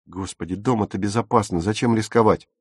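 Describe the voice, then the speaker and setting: An anxious, earnest woman, as a male reader puts her on, speaking low and pleading. Her hushed lines sit close in a dry recording. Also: fairly quick, slightly rough, no room sound. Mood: worried.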